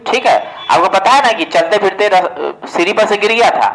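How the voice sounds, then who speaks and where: Animated and fairly bright, a man with a high voice teaches an informal exam-prep history class at normal speed. This coaching teacher asks his own questions, answers them, and says "ठीक है" a lot. The recording is low quality.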